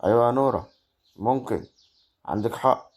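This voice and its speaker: A man's voice: mid-range voice, brisk, natural voice. A man with an Egyptian accent acting a young village husband caught between his wife and his mother in an amateur family drama. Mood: musing. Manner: exasperated, arguing.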